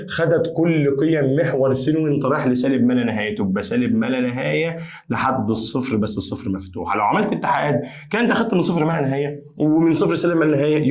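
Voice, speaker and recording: A man with an Egyptian accent teaching a lively maths lesson, chatty and emphatic, repeating phrases and calling students "ya basha". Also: mid-range voice, rapid-fire. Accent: Egyptian Arabic. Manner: repetitive, emphatic. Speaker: math teacher. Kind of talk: energetic whiteboard lesson.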